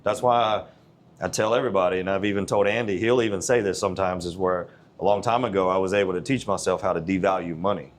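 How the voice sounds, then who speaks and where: A man's voice: deep voice, fairly even intonation, quick pace. A man in his forties, a gym owner, talking in a blunt, earnest, plain-spoken way in a casual interview. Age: 40s.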